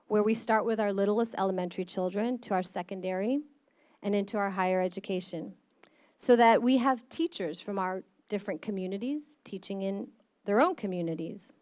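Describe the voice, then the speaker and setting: A middle-aged woman from the American Midwest, a member of a state board of education, gives an earnest, passionate speech at a conference. Her voice is mid-range, and the recording is dry and of studio quality.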